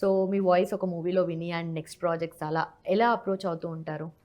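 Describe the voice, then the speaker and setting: A woman's voice: on the low side, steady tone, fast talker, darkish tone. A woman hosting an interview, asking casual questions and mixing English phrases into her talk. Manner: mixes English into her questions, many short acknowledgements. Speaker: interview host.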